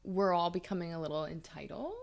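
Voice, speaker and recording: A woman's voice: on the low side, steady tone, a little fast, gravelly. A Canadian woman in her thirties, a couples therapist, explaining her views thoughtfully with examples in a conversational interview.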